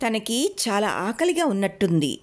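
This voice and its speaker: A woman's voice: mid-range voice, sing-song, moderate pace, voice pushed up, lightly acted. A woman voicing a young servant girl who talks in a matter-of-fact, grown-up way in a storybook reading. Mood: knowing.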